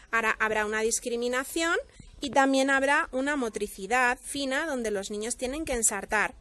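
A woman from Spain, an English teacher giving a slow pronunciation lesson, modeling words carefully and explaining them. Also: high-pitched, fairly bright tone.

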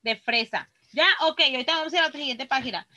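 A woman's voice: high voice, sharp tone, muffled recording. An adult woman teacher with a Mexican accent, leading a class for children and patiently reading words aloud one by one. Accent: Mexican Spanish. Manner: patient, reads words aloud slowly and clearly.

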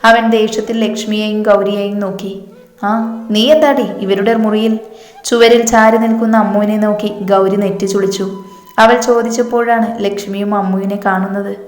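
A woman's voice: mid-range voice, steady tone, moderate pace, darkish tone. A woman narrating a romance story, reading every character in her own voice with small shifts for each. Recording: echoey room with faint music. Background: faint background music.

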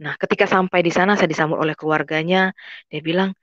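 A woman's voice: lowish voice, steady tone, fast, fairly bright tone, no echo, highs cut off. A young woman giving an earnest personal testimony, telling her story plainly and often repeating herself as she reports what was said. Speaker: testimony speaker.

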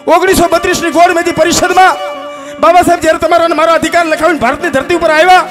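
A man with a Kathiawadi Gujarati accent telling a folk story with music in an impassioned, declamatory way, moving from hushed to shouting. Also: very high voice, fairly even intonation, fast talker. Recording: music playing behind.

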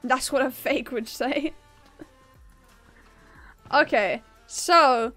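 A woman's voice: high-pitched, very slow, fairly bright tone, soft background music. A young woman streaming a game, chatting casually and upbeat with her viewers and laughing often. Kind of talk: casual live-stream chat while gaming.

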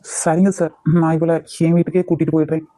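A man's voice: on the high side, level tone, quick pace, dark tone, no echo, lightly acted. A man voicing an earnest young man in a cartoon, with a Kanyakumari Tamil accent. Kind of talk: cartoon voice acting.

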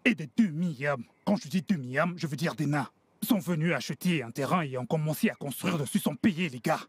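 Indignant gang boss, husky voice. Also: male voice, fairly high pitch, fairly quick, no room sound. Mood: indignant ranting. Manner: scolding, emphatic, repeats himself. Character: domineering, indignant male street gang boss. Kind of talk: French-dubbed Nigerian film drama.

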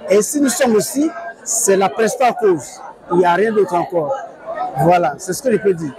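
High-voiced man, blunt. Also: moderate pace, low-quality recording. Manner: short plain statements. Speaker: party supporter. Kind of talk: street interview. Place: outdoor tented rally. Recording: lively crowd noise outdoors.

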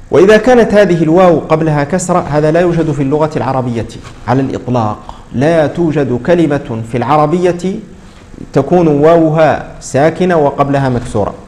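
A man teaching a tajweed lesson, explaining patiently and repeating words slowly to model their pronunciation. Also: fairly high pitch, darkish tone. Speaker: Quran recitation teacher.

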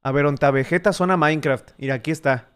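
A man's voice: a little high, fast, fairly bright tone, smooth. A Mexican man in his twenties reacting to an old clip on stream, talking in a casual, slangy, joking way. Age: 20s.

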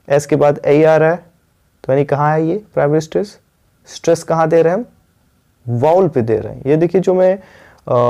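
A man teaching English pronunciation, explaining patiently, repeating words slowly and checking in with the viewers again and again. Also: on the high side, dark tone. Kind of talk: explanatory lesson at a whiteboard.

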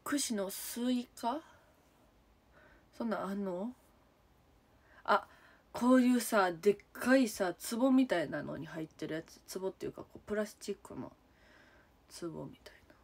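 A woman's voice: mid-range voice, animated, a little slow, pauses often, breathy edge. A young woman with a Kansai accent chatting casually on a livestream from her room, answering viewers one by one and giggling often. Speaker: idol livestreamer. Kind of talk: casual livestream chat reading comments. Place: room at home.

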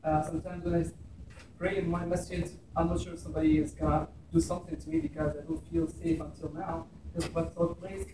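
Speaking fast in a slightly high voice, a man in his thirties from Egypt explains scripture in English during a public talk in a classroom, with an Egyptian Arabic accent. A far camera microphone picks him up from a distance in an echoey room, and the background is noisy.

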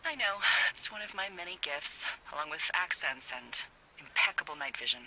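An actress voicing a wry, teasing woman fire lookout who talks over the radio in a video game, playful and quick to laugh. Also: low-pitched, animated, pushed and bright, a little hiss or hum, exaggerated voice, poor audio.

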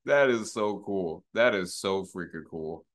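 A rapper in his thirties hosts a music video reaction from a small room at home, wearing headphones with a desktop mic close by. His low, animated voice is unhurried and slangy, full of short repeated exclamations, over a little hiss or hum and pop music from the video.

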